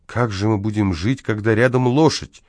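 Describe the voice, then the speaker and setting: A man's voice: fairly low pitch, moderate pace, darkish tone, no echo, clean studio sound, close to an everyday voice. A man voicing a fussy hack writer who whines and complains in an audiobook. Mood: whining. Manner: whining.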